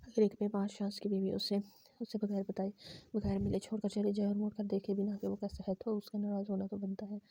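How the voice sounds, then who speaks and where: A woman voicing a playful, teasing young husband who is recovering from an injury, read in the same flat tone as her narration of an Urdu romance novel. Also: mid-range voice, a little fast, slightly rough, no room sound. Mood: sulking.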